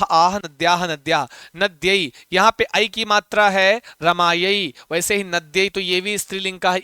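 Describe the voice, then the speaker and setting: A male teacher, his voice high and bright, chanting word forms in a rhythmic rote cadence for his class. The sound is smooth and close, with almost no room around it. He stops often to reassure his students. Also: no echo. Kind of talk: live online exam-prep class, chanting declensions.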